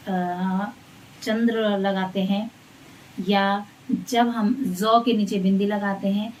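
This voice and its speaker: A woman teacher giving a grammar lesson to children, reciting letters and definitions slowly and patiently. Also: mid-range voice, mellow, recorded from a distance, low-quality recording.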